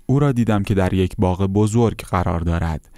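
A man calmly reading a first-person account aloud as narrator. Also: low voice, dry recording, clean studio sound.

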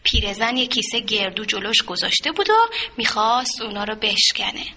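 A woman narrating a children's folk tale in a gentle, expressive, sing-song way. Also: mid-range voice, slightly rough. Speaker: storyteller.

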